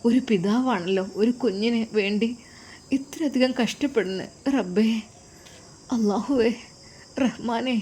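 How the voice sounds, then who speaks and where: A woman voicing a kind, caring woman who speaks gently to a child. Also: on the high side, a little slow, long pauses, breathy edge. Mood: gentle. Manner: gentle, sympathetic.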